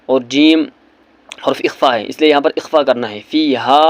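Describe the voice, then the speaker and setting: A man teaching beginners Quran reading, spelling Arabic letters and syllables one by one, then reciting the words slowly and drawn out, with patient explanations in between. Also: medium pitch, dry recording.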